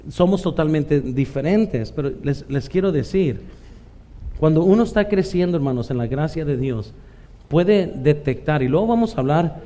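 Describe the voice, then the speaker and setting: A middle-aged Mexican pastor delivers a chatty sermon. His voice sits a little high for a man but sounds dark and mellow. He keeps checking in with his listeners. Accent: Mexican Spanish. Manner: conversational preaching, frequent "¿verdad?" asides, acts out quoted voices.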